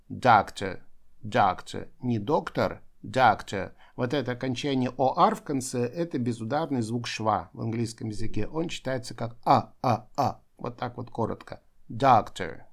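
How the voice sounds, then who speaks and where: A man's voice: medium pitch, vocal fry. A man teaching English vocabulary, explaining each word and repeating it for pronunciation practice. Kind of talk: vocabulary lesson.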